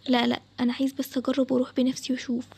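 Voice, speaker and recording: A woman's voice: high voice, monotone, rapid-fire, creaky, slightly rough, heavily acted. Woman voicing a daring young Egyptian boy. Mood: bold. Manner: confident, reassuring, hushed at times. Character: bold young boy Adam, daring treasure hunter.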